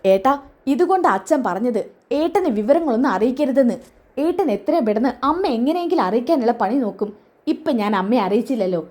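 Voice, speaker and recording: A woman's voice: sits high, animated, quick pace, a little mellow. A woman voicing a cautious, nervous young adult daughter who keeps her voice down, in a retold serial story. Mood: anxious.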